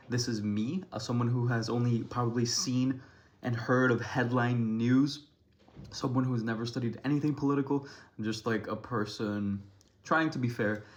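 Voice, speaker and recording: A man's voice: medium pitch, fairly bright tone. A young man from Ecuador rambling casually to camera, thinking aloud with many restarts and self-deprecating asides. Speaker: vlogger.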